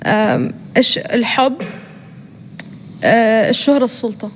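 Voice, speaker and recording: A young woman with a Jordanian accent, a guest chatting casually in an interview, talking quickly with many fillers and restarts. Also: a little high, a little hiss or hum. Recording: hall reverb.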